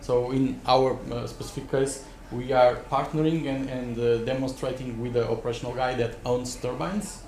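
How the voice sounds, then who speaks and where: Male panelist, off-the-cuff advice, halting delivery with many restarts, echoey room sound. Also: mid-range voice, level tone, a little mellow. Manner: halting, repeats words as he rethinks. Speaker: expert panelist advising startups. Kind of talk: spontaneous advice at a live panel. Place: wood-panelled conference room.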